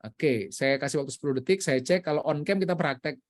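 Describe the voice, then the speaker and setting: A man from Indonesia, a public speaking coach, teaching an online workshop in an energetic way, mixing in English phrases. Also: a little fast. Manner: energetic, swings pitch for emphasis, mixes in English phrases. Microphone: video call.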